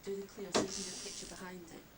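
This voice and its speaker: A woman's voice: medium pitch, flat delivery, racing, heavy background noise. A woman chatting casually with her family at home, heard through the built-in mic of an old VHS camcorder tape. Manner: chatty, teasing questions. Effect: old VHS camcorder tape sound.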